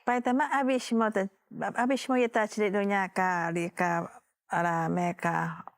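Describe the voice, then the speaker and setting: A woman's voice: mid-range voice, fairly even intonation, unhurried. A woman hosting a broadcast interview, talking steadily and conversationally. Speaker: TV program host.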